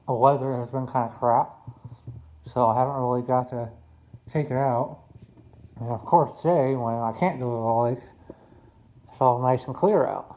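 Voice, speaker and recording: A mellow, dark-voiced man speaks casually, as in a hobbyist's video, at a middle pitch. His words come out thick and slightly slurred, as if his tongue is swollen. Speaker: RC boat hobbyist showing a build. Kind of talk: casual hobby vlog talk.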